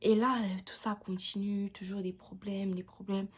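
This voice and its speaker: Chatty young woman doing a story time vlog, lots of slang and "tu vois", medium pitch. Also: little pitch movement, normal speed, breathy edge. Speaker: vlogger.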